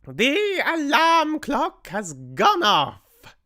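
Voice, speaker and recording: A woman voicing a shrieking, imperious old witch leader in a storybook reading, with a shrill, hissing, theatrical delivery. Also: huge pitch swings, extremely slow, sharp tone, dry recording, clean studio sound, full character voice. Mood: shrieking triumph.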